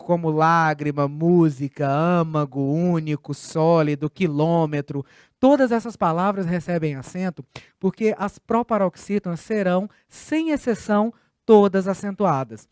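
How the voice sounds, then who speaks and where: A teacher giving a recorded grammar lesson, explaining step by step with patient, clear phrasing and questions to the students. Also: medium pitch, dry recording, studio quality.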